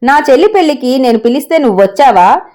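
A woman's voice: high voice, animated, quick pace, a little mellow. A woman voicing a defiant, quarrelsome wife.

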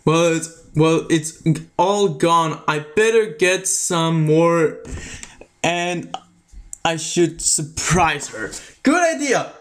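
A man talks through a video review in a loose, casual way, stopping and restarting his sentences as he goes. His voice sits high for a man and he speaks slowly. His vowels drift between American and British. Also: animated, a bit bright. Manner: halting, restarts sentences often; mixes American and British sounds.

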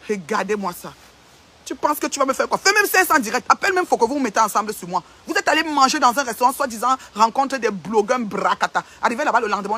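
Woman online commentator, husky edge, confrontational, repetitive livestream tirade. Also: high voice, sharp tone. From Cameroon. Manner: confrontational, repeats phrases for emphasis. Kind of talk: livestream rant.

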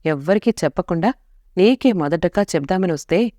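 A woman's voice: fairly low pitch, expressive, moderate pace, mellow, dry recording, studio quality, natural voice. Woman reading an earnest teenage girl. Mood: pleading. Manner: eager, pleading.

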